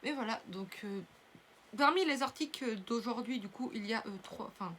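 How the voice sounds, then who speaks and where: A woman's voice: a little high, moderate pace, a bit bright. Young woman rambling thru an unboxing at home, lots of ums, bit of hiss behind. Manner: chatty, rambling with many fillers and restarts. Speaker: unboxing vlogger. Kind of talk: casual unboxing chat.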